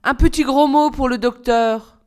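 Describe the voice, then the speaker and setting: A woman's voice: high voice, fairly even intonation, a little slow, a little mellow. A woman voicing an anxious middle-aged mother who urges and fusses in a storybook reading. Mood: urging.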